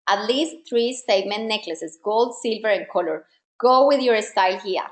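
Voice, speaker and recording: This is a style coach, a woman who learned English as an additional language, leading a live online masterclass for women with warmth and directness. She talks at a normal speed in a medium register, with a spacious room sound around her.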